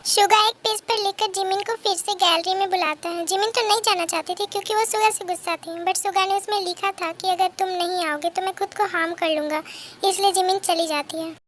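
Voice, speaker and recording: A woman's voice: very high voice, steady tone, brisk, a bit bright, a little hiss or hum. A woman narrating a fan-dub love story in a plain storytelling manner.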